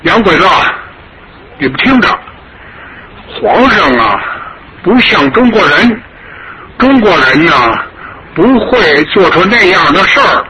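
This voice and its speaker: A man's voice: lively intonation, measured pace. A man voicing a fearless old grandfather. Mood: defiant. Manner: loud, indignant, raised pitch. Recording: noisy old radio recording.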